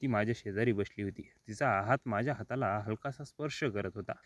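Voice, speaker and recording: A man reading a first-person story as scripted narration, steady and even. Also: on the low side, fairly quick, no room sound.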